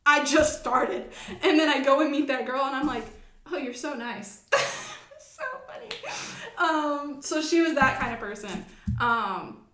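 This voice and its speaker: A young woman co-hosting a podcast, telling a workplace story in a lively, animated way with frequent laughs. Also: sits high, a little slow, a little hiss or hum. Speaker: podcast co-host. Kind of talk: casual chat. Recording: echoey room.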